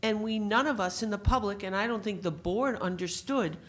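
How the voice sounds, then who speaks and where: A woman's voice: medium pitch, moderate pace. A woman giving an insistent, pointed public comment at a city board meeting. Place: city council meeting room.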